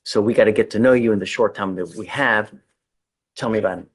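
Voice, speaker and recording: A man's voice: lowish voice, fast. A male judge presiding over a hearing in a courtroom, plain-spoken and conversational, with a joking side.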